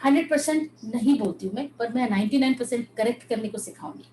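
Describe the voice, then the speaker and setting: A woman's voice: on the high side, fast talker, darkish tone, echoey room, slight background noise, poor audio. A woman with an Indian English accent teaching an online voice class, switching between Hindi and English and asking the class questions. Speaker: voice coach. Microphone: video call.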